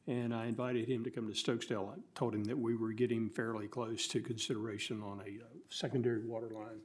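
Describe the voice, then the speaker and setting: A man's voice: mid-range voice, flat delivery, quick pace, darkish tone, slightly rough. An American man speaking as the chair of a town council meeting, in an informal procedural style.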